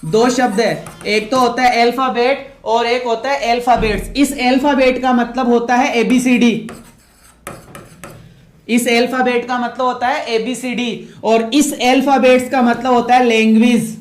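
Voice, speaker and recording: A man's voice: very high-pitched, level tone, measured pace, a little hiss or hum. Casual: guy teaching grammar online, keeps repeating questions, scolds the class, roomy echo.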